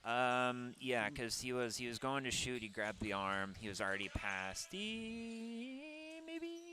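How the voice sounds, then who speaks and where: A man's voice: on the low side, little pitch movement, moderate pace, pushed and bright, slight background noise. A man with a Minnesota accent doing casual, rambling sports commentary with lots of fillers. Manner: chatty, rambling, full of fillers.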